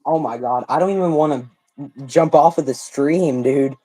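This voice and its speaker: A young man hosts a live watch party stream from his phone, his fairly high voice hoarse and cracking from a sore throat. He talks excitedly at a moderate pace, packing in slang and exclamations.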